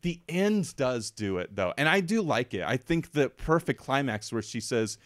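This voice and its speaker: A man co-hosting a podcast speaks at a moderate pace in a very animated, medium-pitched voice, recorded dry with studio quality. He rambles emotionally about a film in a casual chat full of fillers.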